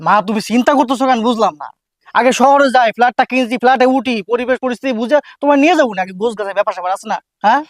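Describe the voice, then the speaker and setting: A fretful, impatient married man in a family drama. His high voice rushes along very fast, agitated and repeating itself, in a dry recording with faint music behind. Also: no echo. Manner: repetitive, agitated, colloquial. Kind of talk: Bengali family TV drama acting.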